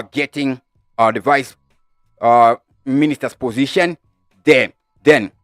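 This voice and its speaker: A man's voice: mid-range voice, no echo, clean studio sound. Zimbabwean man hosting live commentary. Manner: many filler "uh"s, greets viewers live. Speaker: host of a live online news channel. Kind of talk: live-streamed political commentary.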